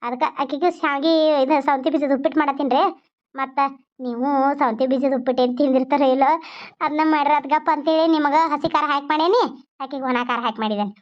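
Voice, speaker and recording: A woman's voice: high-pitched, fairly even intonation, quick pace, close to an everyday voice. A woman voicing a polite, chatty middle-aged housewife with a North Karnataka Kannada accent, explaining at length. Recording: dull lo-fi recording.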